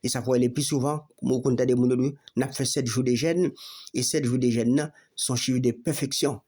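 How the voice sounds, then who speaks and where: Halting Haitian-accented male preacher. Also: medium pitch, fairly even intonation, dark tone. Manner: halting, repeats words, lists Bible verses. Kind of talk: sermon.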